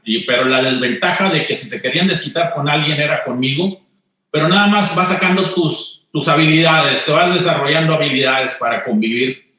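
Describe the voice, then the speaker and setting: Speaking with a Monterrey accent in a slightly high, sharp voice, a middle-aged executive shares stories from his life as a guest in a conversational interview. The room he's in is very echoey.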